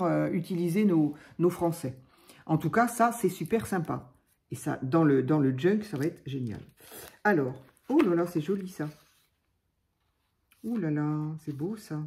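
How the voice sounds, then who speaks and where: A woman's voice: fairly low pitch, lively intonation, normal speed, dark tone. A woman hosting her craft channel, chatting casually and gushing over paper creations with many fillers. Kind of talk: casual chat unboxing crafts.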